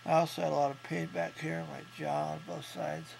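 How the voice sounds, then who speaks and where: A man in his thirties speaks with heavy vocal fry and very little pitch movement, stuffed up and thick-mouthed after oral surgery. He talks in a halting, matter-of-fact video-diary style. Clear hum and noise sit behind his voice. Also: little pitch movement, darkish tone. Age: 30s. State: congested, can't breathe through nose. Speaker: vlogger recovering from jaw surgery. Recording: clearly noisy home recording with hum.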